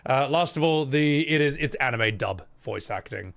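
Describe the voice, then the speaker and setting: A man's voice: mid-range voice, animated, moderate pace, creaky, a bit bright. A man streaming casual, blunt live commentary with exasperated swearing. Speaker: streamer reacting to game trailers.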